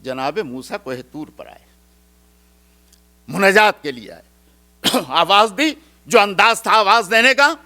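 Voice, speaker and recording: A man preaching a storytelling sermon in a mosque, impassioned, moving from loud cries to hushed pleading. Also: high voice, animated, long pauses.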